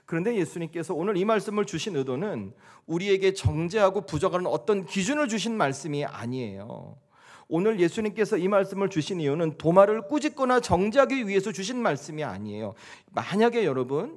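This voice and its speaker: Male pastor, middle-aged, conversational sermon style with emphatic peaks, a touch high. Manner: conversational, asks the congregation questions; rises to emphatic, higher delivery.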